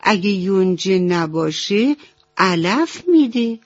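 A woman's voice: medium pitch, animated, dry recording, natural voice. A woman voicing a young, innocent, homesick little calf in a radio bedtime story, with a plaintive, childlike way of talking. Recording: slightly dull radio recording.

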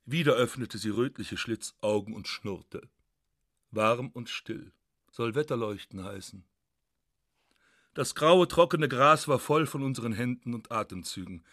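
A man narrating a literary radio reading in a measured, ironic first-person manner. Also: medium pitch, animated, a bit bright, no echo. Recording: dry studio.

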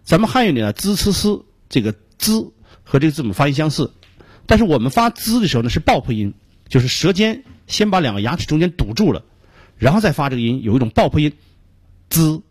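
A middle-aged man with a Beijing Mandarin accent gives a radio pronunciation lesson, explaining slowly and repeating each sound he demonstrates. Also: on the high side, sing-song, husky, dry recording. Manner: frequent filler particles between phrases. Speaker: English pronunciation teacher.

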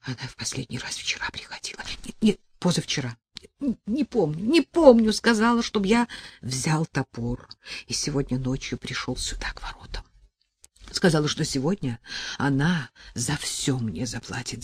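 A man's voice: fairly high pitch, breathy edge, no room sound. Man doing a terrified sobbing male drunk, pleading, shaky, dry close audiobook sound. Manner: tearful, panicky, pleading.

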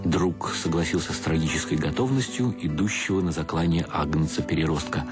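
With music in the background, an actor with an extremely low voice speaks fairly quickly, voicing a wry, self-deprecating intellectual bridegroom. His first-person radio-play narration is ornate, ironic and mock-solemn.

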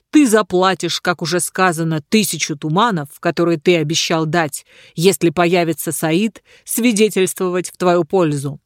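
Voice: medium pitch, no room sound, clean studio sound, lightly acted. A reader voicing a stern male caliph who passes judgment in an audiobook, speaking in a commanding way. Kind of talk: audiobook reading.

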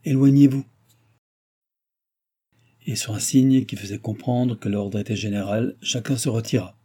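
A man reading a novel aloud in measured, scripted narration. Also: fairly low pitch, fairly even intonation, darkish tone, breathy edge. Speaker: audiobook reader.

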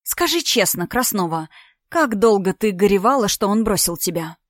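A woman's voice: medium pitch, animated, moderate pace, a bit bright, no echo, studio quality. A woman reading a storybook part, voicing a spiteful, mocking woman in her thirties who is about to marry, with a raised, sarcastic voice. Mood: taunting. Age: 30s. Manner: sneering, sarcastic, theatrical.

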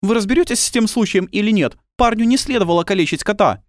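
A defiant woman in a spoken story pushes back against her interrogators, her voice pitched far up and shrill, as a male narrator puts her on. She sounds insistent and indignant. The recording is dry and close. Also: lively intonation, fast, no echo.

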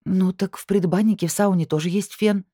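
A woman's voice: medium pitch, steady tone, brisk, mellow, no room sound, studio quality, pitched above the performer's own voice, close to an everyday voice. A woman reading an audiobook, voicing a touchy middle-aged woman who grumbles when suspected. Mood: chatty. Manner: offended, grumbling.

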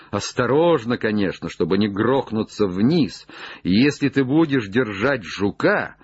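A man voicing an excitable, obsessed gentleman giving urgent orders in a raised, breaking voice. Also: medium pitch, breathy edge, no echo, highs cut off.

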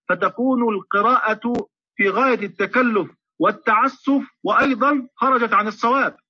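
A man teaching Quran recitation in an online lecture, explaining at length and slowing down to chant example verses. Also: sits high, slightly rough. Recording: muffled lo-fi online audio.

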